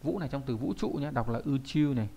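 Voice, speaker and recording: A man's voice: mid-range voice, animated, rapid-fire, vocal fry, mellow, husky. A man teaching kanji in an online video lesson, talking casually and often asking rhetorical questions and tag questions.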